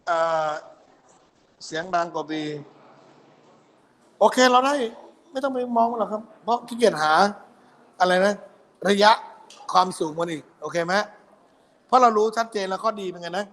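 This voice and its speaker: A man's voice: high-pitched, normal speed, pauses often, fairly bright tone. A man tutoring physics for an exam review, walking through problems and checking often that students keep up. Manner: quizzing students with constant "got it?" checks.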